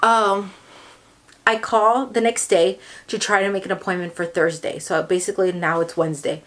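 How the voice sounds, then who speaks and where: A woman's voice: medium pitch, little pitch movement, normal speed, fairly bright tone. A young woman with a Californian accent telling a personal story to the camera, emotional and rambling, with many fillers and restarts. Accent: Californian English. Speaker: vlogger.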